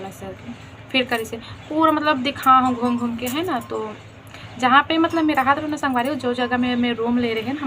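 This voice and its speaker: A woman's voice: high voice, fairly bright tone, slight background noise. A young woman with a Chhattisgarhi accent, telling a personal story to her viewers in a chatty, friendly way. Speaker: vlogger. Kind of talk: casual storytelling.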